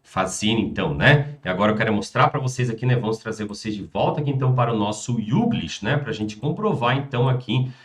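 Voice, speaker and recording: A man with a Brazilian Portuguese accent teaching German in a live online lesson. He repeats German words slowly and clearly and keeps checking in with "tá?" and "né?". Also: on the low side, animated. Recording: roomy echo.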